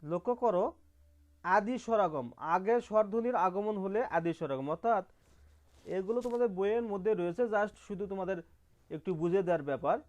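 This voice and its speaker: Male teacher, high voice, patient step-by-step slide lesson, dull lo-fi recording. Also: lively intonation, fairly quick, a little mellow. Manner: explains step by step, repeats terms, asks and answers. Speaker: grammar teacher.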